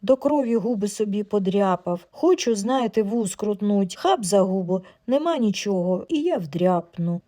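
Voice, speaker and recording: A woman reads a humorous folk story aloud, lively and expressive in the telling. Her tone is mellow and soft-edged at a middling pitch. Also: moderate pace, hardly any pauses. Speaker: audiobook narrator. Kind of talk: storytelling audiobook narration.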